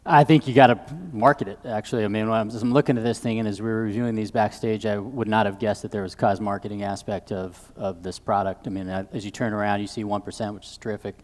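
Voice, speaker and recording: Direct male judge, low voice, hall reverb. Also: steady tone, fast, few pauses, darkish tone. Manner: direct, emphatic advice. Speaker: competition judge. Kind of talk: off-the-cuff panel critique.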